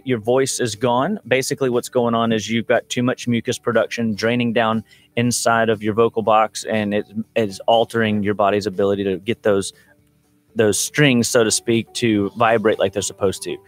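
A chatty man in his thirties talks as a doctor guest on a radio show, explaining things at length and laughing often. His voice sits at a middle pitch, recorded dry and close with faint music underneath. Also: no echo. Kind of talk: casual radio chat.

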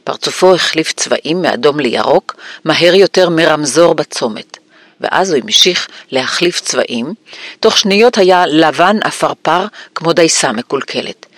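Male audiobook narrator, slightly high voice, measured storytelling, dry close studio sound. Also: lively intonation, fairly bright tone, dry recording.

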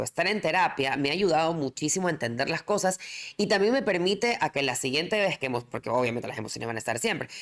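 A woman hosting a casual chat, telling her own experiences openly and with lots of restarts. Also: sits low. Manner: open, animated storytelling with frequent restarts.

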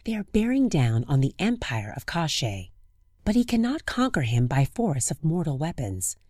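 A woman voicing the sun as a wise, kindly spirit in a fairy tale, giving calm, steady counsel. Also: low-pitched, breathy edge, dry recording, studio quality, exaggerated voice.

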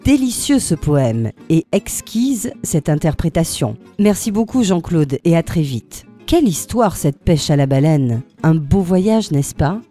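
A woman's voice: low-pitched, sing-song, measured pace, hardly any pauses, warm tone, soft background music. A woman hosting a radio chronicle from a studio, speaking in a polished way with some hesitant fillers. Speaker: radio host.

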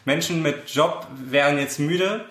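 A young man in his twenties co-hosting a podcast, talking in a rambling, ironic, deadpan way. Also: fairly high pitch, measured pace. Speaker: podcast co-host. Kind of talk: casual chat. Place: friend's flat. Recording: roomy room sound.

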